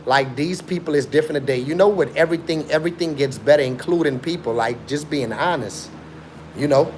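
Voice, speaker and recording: A young man, born in Chicago and raised in South Africa, hosts a casual live stream with slight background noise. His voice is a little high and fairly quick as he argues his point in repetitive, slangy, emphatic talk.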